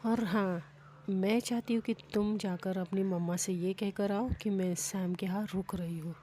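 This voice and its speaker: A woman's voice: medium pitch, fairly even intonation, moderate pace, warm tone, slight background noise, natural voice. A woman voicing a confident, teasing young woman who talks in a breezy, reassuring way.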